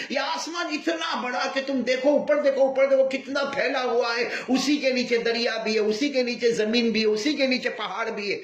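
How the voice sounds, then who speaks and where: A man doing a repentant father, high raised voice, crying out, echoey hall. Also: fairly bright tone. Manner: cries out and wails emotionally. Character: grieving sinful father, pleading with his son.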